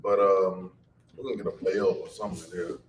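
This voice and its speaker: A man's voice: sits low, flat delivery, brisk, far from the mic. A man co-hosting a podcast, chatting casually, laughing and repeating himself. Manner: laid-back, laughs often, repeats himself. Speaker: podcast co-host. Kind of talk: casual chat. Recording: roomy echo, off-mic, faint hiss.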